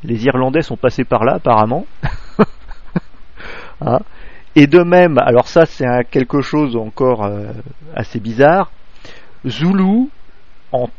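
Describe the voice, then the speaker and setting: A man from France giving a spoken amateur radio lesson, halting, full of fillers and restarts, close to a clipping desk microphone. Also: medium pitch, expressive, a little mellow, no room sound, muffled recording.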